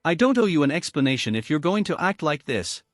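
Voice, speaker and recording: A man's voice: on the high side, big pitch swings, brisk, no room sound, studio quality, soft background music. A man reading as a scornful cheating wife. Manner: scornful, eye-rolling, deflecting. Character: defiant dismissive young wife.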